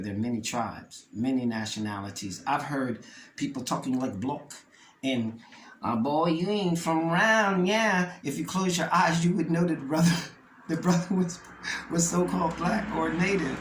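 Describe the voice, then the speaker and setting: A man's voice: a little high, a bit bright. Passionate American man, roomy echo. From Delaware, USA. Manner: emphatic, preacher-like delivery with rises and repeats. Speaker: host. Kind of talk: passionate monologue. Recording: roomy echo, faint ambient noise.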